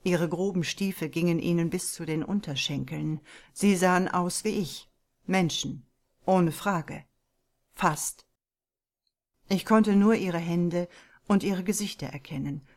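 Slow, low-voiced woman narrating a story. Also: a little mellow. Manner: slow and deliberate, tense and brooding. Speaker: audiobook narrator. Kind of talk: scripted first-person story narration.

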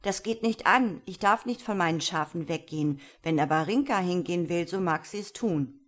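A woman reading a fairy tale aloud and voicing a clever, friendly little boy with a bright, lively manner. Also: on the low side, normal speed.

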